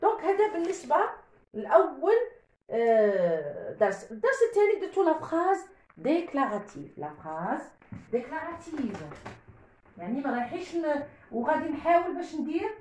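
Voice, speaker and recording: A woman's voice: high voice, very animated, quick pace, a little mellow, slight background noise. A woman teaching a French grammar lesson step by step, switching between Arabic and French. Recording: echoey room.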